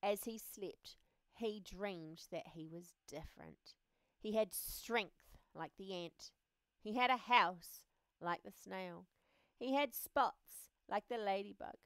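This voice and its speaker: A woman reading a children's picture book aloud, expressive, often dropping to a soft hush. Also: mid-range voice, takes it slowly, clean tone, no room sound. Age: adult. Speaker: reader.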